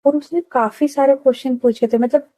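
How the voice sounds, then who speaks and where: A woman with a hoarse throat narrating a love story in a chatty, casual way, stopping to talk to listeners. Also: high-pitched, steady tone, a little fast, warm tone, no echo, rough recording. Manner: chatty, stops to address listeners.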